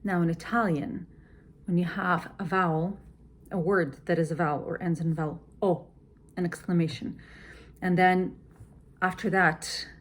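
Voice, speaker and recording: A woman who is an opera singer, explaining how she works through a scene in a measured, teacherly way, often dropping to a soft near-whisper. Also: fairly low pitch, steady tone. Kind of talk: teaching walkthrough.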